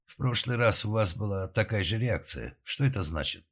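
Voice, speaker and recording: A man playing a calm male psychotherapist. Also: fairly low pitch, normal speed.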